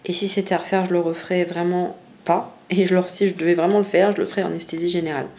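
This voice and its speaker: A woman vlogger talks in a lowish, very creaky voice. She recounts things casually and candidly in everyday slang, with slight noise in the background. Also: level tone, quick pace, dark tone. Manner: candid, colloquial. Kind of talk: casual chat, personal recounting.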